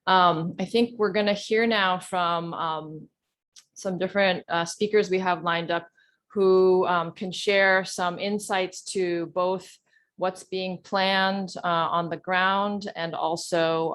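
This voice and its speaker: A woman moderating an online meeting informally, with halting, hesitant phrasing as she introduces and thanks speakers. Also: lowish voice, a bit bright.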